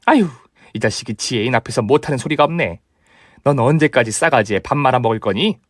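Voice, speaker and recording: A man's voice: mid-range voice, expressive, fairly quick, no echo, clean studio sound, close to an everyday voice. A man voicing a snobbish, bossy older mother-in-law who talks down to everyone in a dramatized story reading. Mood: scornful. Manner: scolding, contemptuous.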